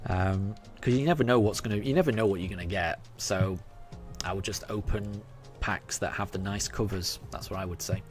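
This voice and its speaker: A game streamer in his forties from Yorkshire, England, speaks at a moderate pace in a fairly low voice with a faded Yorkshire accent. While he plays, he chats hesitantly with his live-stream chat, full of ums and restarts, as game music plays in the background.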